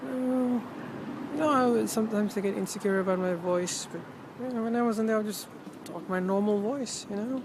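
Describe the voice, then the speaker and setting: This is a casual, rambling personal vlog recorded outside in windy city surroundings, with strong wind noise on the mic. The medium-pitched vlogger talks briskly and reflectively, frequently trailing off and rewording thoughts.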